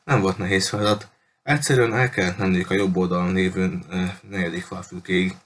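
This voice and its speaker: Low-voiced man reading a storybook. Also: steady tone. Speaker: audiobook reader. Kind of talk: audiobook narration.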